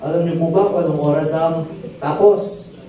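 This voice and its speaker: A man's voice: fairly high pitch, fairly even intonation, moderate pace, dark tone. A man preaching a sermon as pastor, telling stories and calling again and again for the crowd to answer "amen". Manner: call-and-response, keeps asking the crowd for "amen"; storytelling testimony with rising emphatic peaks. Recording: very echoey hall, mic far off, faint noise.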